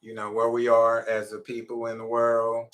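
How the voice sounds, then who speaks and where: A man co-hosting a casual chat, reflective and soft-spoken, often trailing off. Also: mid-range voice, completely flat delivery, normal speed, poor audio.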